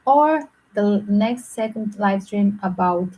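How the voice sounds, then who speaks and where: A woman tarot reader talking to her viewers in a loose, rambling way, often filling pauses with "like". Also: mid-range voice, expressive, dark tone, low-quality recording. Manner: rambling, frequent "like" fillers. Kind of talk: casual speculative monologue to viewers.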